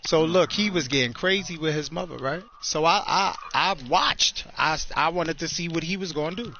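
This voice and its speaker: A man streaming a game and casually telling a loud, profane story to his listeners. He is from New York. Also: fairly high pitch, normal speed. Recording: dull lo-fi stream audio with faint hiss.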